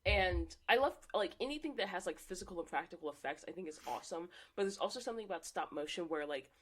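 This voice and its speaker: A woman co-hosting a podcast, upbeat and chatty, with plenty of fillers. Her voice sits on the low side for a woman. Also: lively intonation, quick pace, a bit bright. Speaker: podcast co-host. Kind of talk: casual chat.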